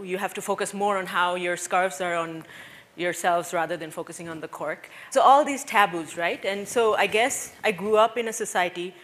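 Speaking through a headset mic in a darkened hall, a woman in her thirties from Bangladesh addresses a seated crowd from the stage. Her pitch is fairly low with some brightness, and her personal talk is earnest and reflective, full of hesitations.

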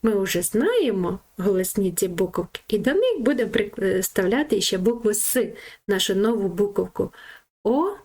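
A woman's voice: mid-range voice, a little mellow. A woman teaching a children's reading lesson, sounding out syllables one by one and praising her pupils. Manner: slow, syllable-by-syllable, encouraging.

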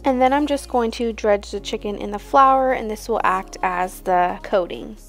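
A woman's voice: medium pitch, moderate pace, gravelly, faint music behind. Young woman narrating a home cooking vlog. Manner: relaxed, step-by-step explaining. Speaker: cooking channel host. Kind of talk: casual cooking voice-over.

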